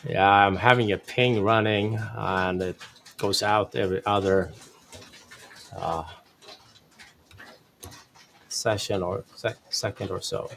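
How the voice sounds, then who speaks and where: A tech presenter on a live stream gives a casual, informal technical explanation while a thunderstorm rages outside. His voice sits on the low side and is a bit bright, with a steady tone, a slow pace and frequent pauses. The stream connection is clearly noisy.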